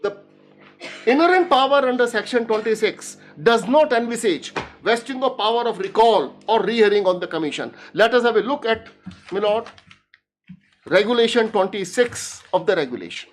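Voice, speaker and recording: A woman lawyer making a formal courtroom argument, reading legal text deliberately and emphatically, repeating key phrases. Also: a little high, expressive, faint music behind. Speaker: lawyer arguing before a judge. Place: courtroom live stream.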